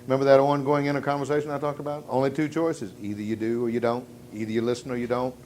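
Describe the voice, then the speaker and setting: A man giving a motivational sales seminar to a live audience, telling stories and asking rhetorical questions, swinging from hushed tones to loud emphasis. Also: medium pitch, little pitch movement, fast, slight background noise. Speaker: sales trainer.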